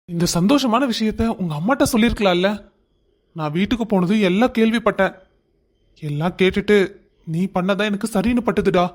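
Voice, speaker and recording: A man voicing a kind, protective elderly father-in-law who speaks gently and reassuringly. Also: high-pitched.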